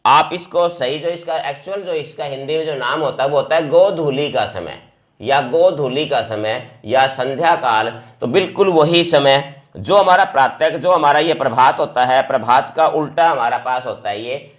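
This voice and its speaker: Man, English teacher, vocabulary lesson, patient, repeats words, mid-pitched voice. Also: moderate pace. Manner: explains patiently, repeats each word several times.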